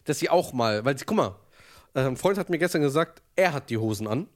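A man's voice: medium pitch, lively intonation, brisk. A young man from Germany co-hosting a podcast in casual chat, rambling and hesitant, laughing in between. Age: young adult. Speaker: podcast co-host.

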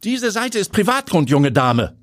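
A man's voice: sits high, very animated, unhurried, voice pushed up, full character voice. A man voicing a haughty, condescending middle-aged woman. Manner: clipped, condescending, then flustered. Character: haughty woman in her early fifties, stiff and defensive.

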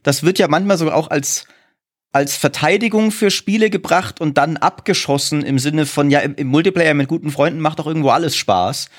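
A man in a podcast discussion, arguing in an animated, lively way with restarts. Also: on the high side, fairly quick.

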